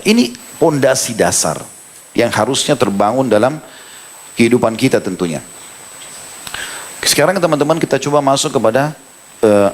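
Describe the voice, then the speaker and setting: A man preaching, telling a story with animated quoted dialogue and reciting Quranic verses. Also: medium pitch. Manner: animated storytelling, quoting the characters. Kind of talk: sermon.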